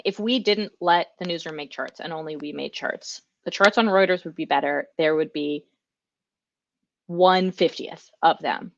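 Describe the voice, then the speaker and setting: A woman's voice: lowish voice, a bit bright, highs cut off. A woman giving a casual, enthusiastic conference talk over a video call, chatting with lots of fillers. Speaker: conference speaker.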